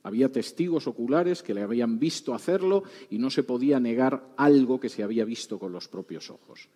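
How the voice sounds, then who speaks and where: A man in his sixties from Spain with a Spanish accent teaches the Bible and retells its scenes in lively everyday speech. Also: medium pitch, brisk, breathy edge. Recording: reverberant hall.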